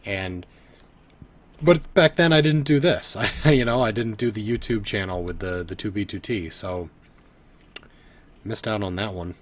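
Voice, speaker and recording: A man's voice: lowish voice, measured pace, pauses often. Tipsy, rambling man streaming a game. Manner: rambling, swearing, laughing often. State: tipsy from drinking. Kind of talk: live gameplay commentary. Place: home bedroom.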